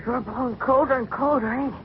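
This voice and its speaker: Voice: mid-range voice, steady tone, a little fast, natural voice. A performer playing a timid, chatty young street boy in an old radio drama, slangy and plaintive. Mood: chatty, hurt. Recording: muffled, hissy old radio recording.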